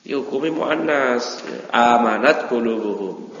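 A man's voice: medium pitch, measured pace, a bit bright, a little hiss or hum. A man teaching a religious study circle, correcting a student's reading with teasing, scolding questions. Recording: roomy, long reverb, dull lo-fi sound.

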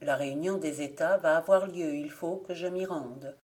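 A woman's voice: low voice, normal speed, a little mellow, close to an everyday voice. A woman reading aloud and voicing a stubborn nobleman husband in a storybook legend, with indignant, complaining speech.

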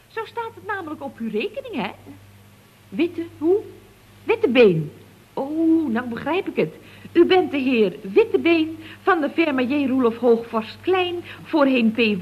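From a dull, lo-fi old radio recording, a woman plays a chatty, scatterbrained office worker in 1970s radio comedy, rambling with giggly, naive earnestness and sounding puzzled. Her high, sing-song voice is exaggerated and breathy-edged, with a measured pace.

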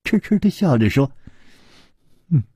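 一位男评书演员，讲述长篇故事，富于表现力。. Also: male voice, mid-range voice, husky, no echo, clean studio sound. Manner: expressive, unhurried narration. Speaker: storyteller. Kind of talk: audiobook storytelling.

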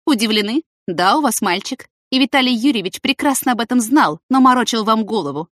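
A scorned young woman doctor, as a woman narrator puts her on, full of jealous spite, talking in sneering, sarcastic jabs. Her voice sits high above the reader's own and comes out loud and sharp. The audiobook recording is dry and close. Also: expressive, brisk, no echo, lightly acted. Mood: bitter sarcastic. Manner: bitter, sarcastic, hissing through teeth.

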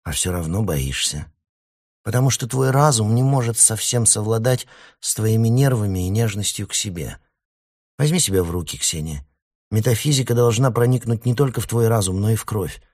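A man voicing a calm young woman who talks sensibly and lectures her sister, in a storybook reading. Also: on the low side, normal speed, no echo, clean studio sound, pitched above the performer's own voice. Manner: level, lecturing.

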